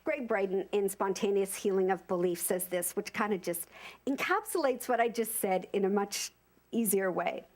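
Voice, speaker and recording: A woman in her fifties giving an informal sermon to a congregation, animated and repeating phrases for emphasis. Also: mid-range voice, moderate pace. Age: 50s. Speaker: speaker at a spiritual center service.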